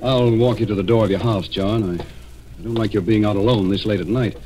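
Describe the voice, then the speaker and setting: An actor playing an earnest, worried district attorney in a 1940s radio drama, halting and confiding. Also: male voice, lowish voice, steady tone, mellow, close to an everyday voice, poor audio.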